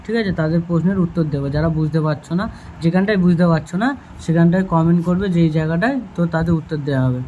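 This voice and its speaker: A patient Quran reading teacher drills the letter sounds again and again, stretching some words out slowly. The voice is mellow and relaxed, over a faint steady hiss. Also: medium pitch, dull audio. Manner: slow drawn-out chanting of prayers and words.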